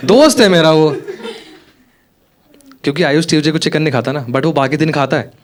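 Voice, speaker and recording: A man's voice: fairly high pitch, a little fast. Young man doing stand-up comedy. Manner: conversational storytelling, acting out dialogue. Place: comedy theatre stage with live audience. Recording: live venue with loud audience noise. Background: audience laughter.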